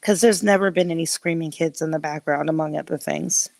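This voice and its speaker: A woman co-hosting a casual live stream chat, greeting viewers by name and laughing easily, with a gravelly voice. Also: deep voice, steady tone, fairly quick, darkish tone, dry recording. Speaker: co-host.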